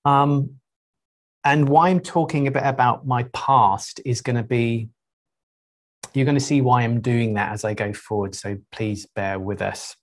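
Man giving an unhurried spiritual talk. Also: medium pitch. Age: middle-aged. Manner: unhurried, pausing, with frequent 'um's. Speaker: spiritual teacher. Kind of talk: reflective talk to a group.

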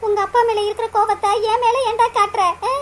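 Someone voicing a squeaky, nagging cartoon mother. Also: little pitch movement, fast talker, fairly bright tone, slight background noise. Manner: pleading, nagging. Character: nagging, fretful mother of a grown son.

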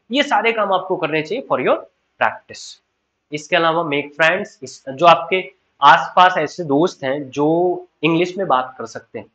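A man's voice: on the high side, a bit bright. A man with an Indian accent teaching a spoken English class, earnest and encouraging, repeating his key points. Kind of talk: online class lecture mixing Hindi and English. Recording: slightly dull lo-fi sound.

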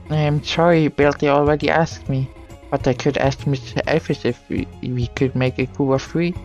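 A man voicing a shy, kind young female reindeer student, soft and polite. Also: fairly high pitch, lo-fi sound.

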